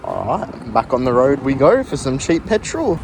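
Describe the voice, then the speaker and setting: A man's voice: medium pitch, sing-song, normal speed. A young man in casual banter, crude and sarcastic, swearing as he jokes. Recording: noisy car and street ambience. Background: clear car and outdoor noise.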